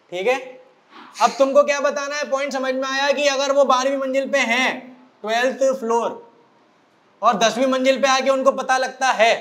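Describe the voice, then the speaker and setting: A high-pitched male teacher telling a story in a lively way, speaking straight to his students. He is from central India and uses the tale to set homework. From Morena, central India. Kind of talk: storytelling lesson. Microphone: recording for an online class video.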